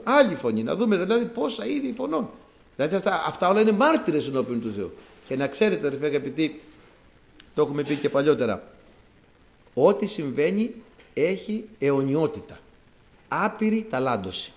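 A man from Greece preaching a sermon to his congregation, talking in an animated way and rising to emphatic outbursts. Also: fairly high pitch, gravelly.

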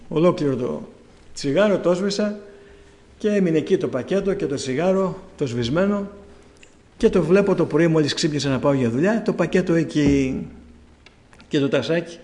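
A man's voice: on the high side, lively intonation, darkish tone. A man giving a personal testimony to a church, telling his story and acting out his own past words.

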